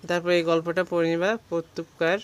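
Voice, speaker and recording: Young male tutor, fairly high, smooth, even voice, working through a textbook for exam prep. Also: fast. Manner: walks page by page through a textbook, listing words and meanings. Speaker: teacher. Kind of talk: exam guidance lesson.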